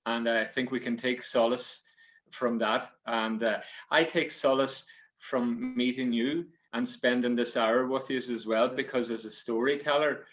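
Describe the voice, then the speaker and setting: A man's voice: medium pitch, fairly even intonation, measured pace, a bit bright. Donegal Irish storyteller, a folksy man. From South Donegal, Ireland. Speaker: storyteller and author. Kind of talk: Irish storyteller addressing an audience.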